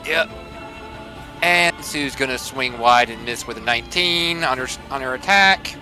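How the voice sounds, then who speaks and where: A man's voice: mid-range voice, measured pace, over music. A man playing a tabletop game over voice chat, chatty and swearing as he explains his moves. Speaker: player. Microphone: online voice chat.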